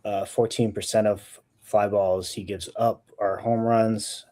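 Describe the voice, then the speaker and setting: Man, low voice, casual betting talk, thinks aloud. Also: little pitch movement, slow, dark tone. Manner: thinking aloud, checks stats as he talks. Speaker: sports betting show co-host.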